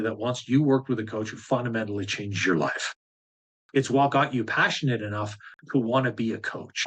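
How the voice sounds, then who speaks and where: A man leading a live group coaching session in a blunt, fired-up way. He talks straight at his listeners and swears casually, with a voice of middling pitch. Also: fairly bright tone. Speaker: business coach.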